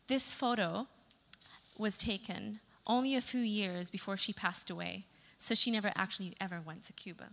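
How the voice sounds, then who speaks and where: A woman's voice: mid-range voice, moderate pace, creaky, a bit bright. A young adult woman, a photographer from Saudi Arabia, giving a chatty presentation talk with fillers and self-corrections. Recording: long reverb of a hall.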